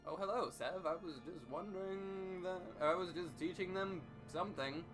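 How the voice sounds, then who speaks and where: Over music, a man with a fairly high voice and moderate pace gives an over-dramatic comedic reading of fan fiction. He's theatrical and emphatic, breaking into sudden shouts.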